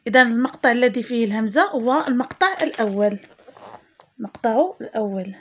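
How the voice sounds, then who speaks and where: A woman teacher with a Moroccan accent, giving a reading lesson for young children and stretching words slowly syllable by syllable. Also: a little high, lively intonation, fairly bright tone, a little hiss or hum. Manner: slow, drawn-out syllables when modelling words. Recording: dull lo-fi sound.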